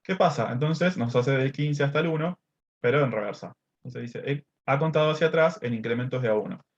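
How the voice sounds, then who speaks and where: A math teacher with a mid-range voice moves briskly through a screen-recorded coding lesson, explaining each step. He keeps checking in with "¿sí?" and fills pauses with "este." The audio is slightly dull and lo-fi.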